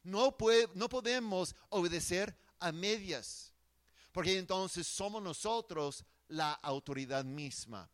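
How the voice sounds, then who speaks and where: A man's voice: high voice, slow. A man preaching a sermon in an earnest, emphatic way, often restarting his words.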